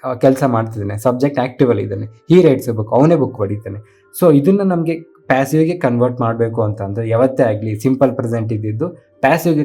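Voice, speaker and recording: Male tutor, mellow low-bright tone, patient repetitive explainer, faint music bed. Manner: patient, repetitive explaining with frequent check-in questions. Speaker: English grammar teacher. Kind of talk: exam-prep grammar lesson, explaining step by step.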